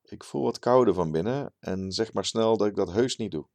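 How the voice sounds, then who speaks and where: Gravelly low man reading a story. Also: normal speed, a little mellow. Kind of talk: reading a short story aloud.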